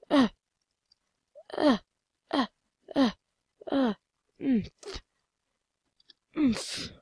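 A woman giving casual, rambling commentary over her own gameplay, full of fillers and sudden excited outbursts. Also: on the high side, dry recording.

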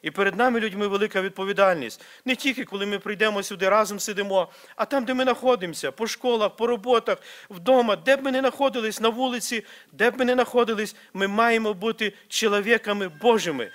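High-voiced earnest man preaching. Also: quick pace, hardly any pauses, a bit bright. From Ukraine or Slavic region. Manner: earnest, repetitive exhortation with restarts. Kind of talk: sermon. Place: church service.

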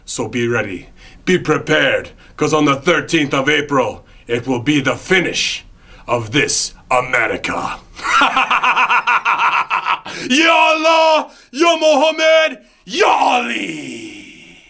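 A man voicing a fanatical, menacing male wrestling villain, bellowing threats and drawn-out chants in a shouted promo. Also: mid-range voice, pitched above the performer's own voice.

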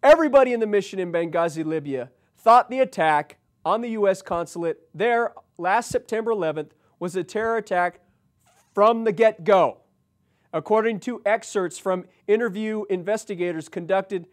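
Reading the news aloud for political commentary, a high-voiced American man in his forties keeps interrupting himself with insistent, halting remarks and repetitions. He's seated at a desk on an indoor studio set.

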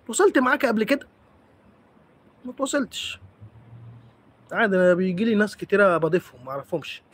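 Husky fast-talking Egyptian man. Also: sits high. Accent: Egyptian Arabic. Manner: playful, teasing, answering comments. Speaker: live stream host. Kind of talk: casual live-stream chat with viewers.

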